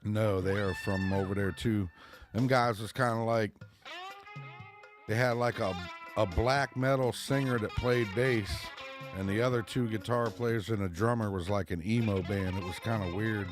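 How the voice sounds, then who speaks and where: A man co-hosting a casual podcast, a rambling storyteller who laughs often and shouts out the lines he quotes. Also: lowish voice, fairly even intonation, moderate pace, music in the background. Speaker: podcast co-host. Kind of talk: casual chat.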